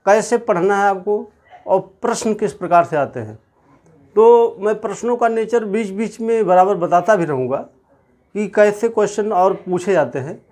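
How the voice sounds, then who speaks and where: A male teacher with a notably high voice leads an exam-preparation lesson. He explains point by point in a steady way and speaks directly to the viewers. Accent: Hindi. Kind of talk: exam-prep lecture.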